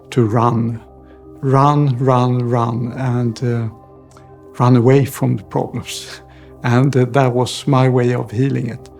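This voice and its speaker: A middle-aged man from Sweden with a Swedish accent, a podcast guest telling his life story in a halting way with many pauses and fillers. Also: medium pitch, creaky, darkish tone. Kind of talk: personal interview.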